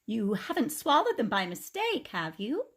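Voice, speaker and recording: A concerned mother from a picture book, voiced by a woman reading aloud. She asks her questions in a raised voice with big swings of pitch. The delivery is expressive and made for young children. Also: normal speed, full character voice. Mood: questioning.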